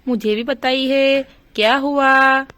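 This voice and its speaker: Brief: a woman doing an eager young village man, high slow voice, doll story. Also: fairly even intonation, fairly bright tone, clean tone. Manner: eager, reassuring. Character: young village man, helpful brother-in-law. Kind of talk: doll story role-play.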